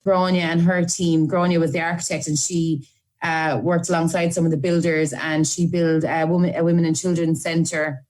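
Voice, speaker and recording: A woman's voice: low-pitched, little pitch movement, moderate pace, darkish tone. An Irish woman, an aid volunteer, recalling events in a chatty, run-on documentary interview. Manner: chatty, run-on storytelling with fillers.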